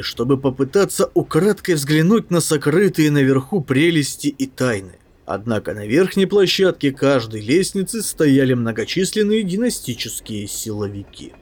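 A man narrating a science fiction story as a scripted audiobook, in an expressive, dramatic way. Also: on the high side.

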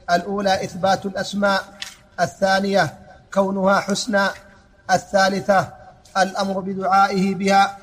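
A man reading a classical text aloud in a lesson, in a flat, even recitation with small stumbles and restarts. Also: high voice.

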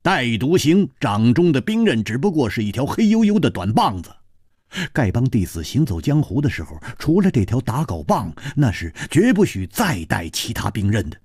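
A male storyteller narrating a martial-arts tale in a dramatic, expressive style. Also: mid-range voice, normal speed, husky, dry recording, clean studio sound.

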